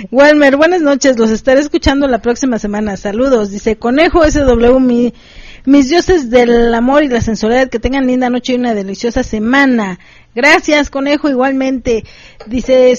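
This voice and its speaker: A woman's voice: on the high side, a little mellow, no echo, lo-fi sound. A woman co-hosting a late-night radio show, giggling and reading listener messages aloud.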